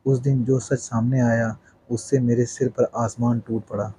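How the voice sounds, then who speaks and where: A male storyteller reads a scripted first-person family tale in a level, unhurried way. His voice sits dark and mellow with little rise or fall, and a faint hiss lies under the recording. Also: medium pitch, level tone.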